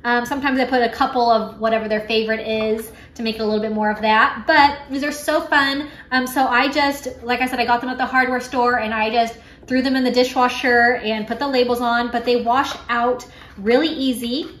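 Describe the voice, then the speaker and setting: A woman's voice: fairly high pitch, fairly even intonation, brisk, fairly bright tone. A woman in her thirties, a mom vlogger chatting to camera in her home kitchen, upbeat with lots of ums and uhs. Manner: chatty, filler-heavy, upbeat. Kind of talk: casual chat to camera. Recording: echoey kitchen room.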